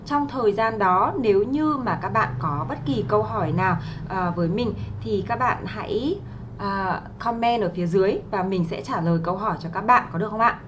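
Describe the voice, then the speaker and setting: Patient Vietnamese teacher on a livestream. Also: female voice, medium pitch, brisk, background noise. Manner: polite, patient, frequent filler sounds and tag questions. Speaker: English teacher. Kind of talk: livestream exam walkthrough.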